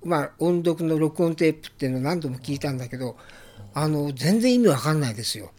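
A man from Tokyo, a poet guest who talks in a relaxed, reflective way. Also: a little high, quick pace, crowd noise. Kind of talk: casual talk-show conversation.

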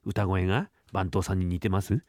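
A man's voice: low-pitched, fairly even intonation, moderate pace, darkish tone, dry recording, studio quality, pitched below the performer's own voice, lightly acted. A man voicing a stingy, fussy old male shop master in a comic rakugo tale, grumbling and scolding. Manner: grumbling, scolding, muttering to himself. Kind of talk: rakugo storytelling.

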